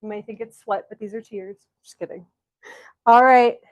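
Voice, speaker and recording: A woman with a Southern accent leading a workout class as fitness coach, out of breath, counting down and pushing her class on with energetic encouragement. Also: mid-range voice, fairly quick, muffled recording. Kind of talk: live workout class cues.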